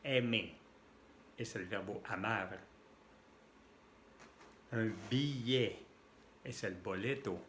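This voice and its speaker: French-accented male tutor, unhurried, roomy echo. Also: lowish voice, a bit bright, slight background noise. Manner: spells out letters and repeats sounds patiently. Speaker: French teacher. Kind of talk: slow language lesson.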